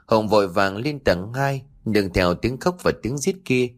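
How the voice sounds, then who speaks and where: A man narrating a horror audiobook in an expressive, dramatic way. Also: on the low side, normal speed. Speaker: storyteller.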